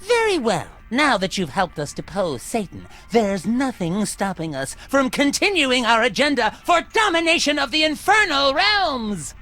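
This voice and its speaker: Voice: medium pitch, big pitch swings, normal speed, hardly any pauses, bright, forceful tone. An actor playing a prim, self-important young prince of hell and ringleader, officious and pompous, in a video game. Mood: smugly triumphant. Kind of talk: video game character acting. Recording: music behind the voice.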